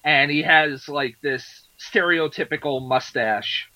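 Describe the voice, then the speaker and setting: A man's voice: fairly high pitch, slow pace, sharp tone, dry recording, dull audio. A man co-hosting a casual movie review podcast, easygoing and agreeable, often trailing off and restarting. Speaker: podcast co-host.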